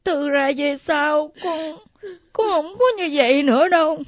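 Woman voicing a very high, scared young grandchild. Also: expressive, normal speed, no room sound. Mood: sobbing. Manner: pleading, sobbing. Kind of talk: radio drama acting. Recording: dull lo-fi old radio recording.

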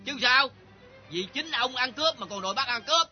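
A man's voice: extremely high pitch, expressive, fairly quick. An actor playing a tough, mocking drifter who taunts his target with sarcasm. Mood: taunting. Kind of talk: radio drama acting. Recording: dull lo-fi recording with faint music.

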